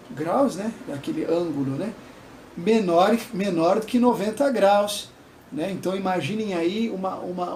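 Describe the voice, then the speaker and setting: A man's voice: sits high, darkish tone. A man tells a personal story straight to his viewers. He rambles in a chatty way, full of asides and fillers. The room gives his voice a noticeable echo, and a faint hiss sits underneath. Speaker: vlogger telling a story. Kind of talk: casual storytelling to camera.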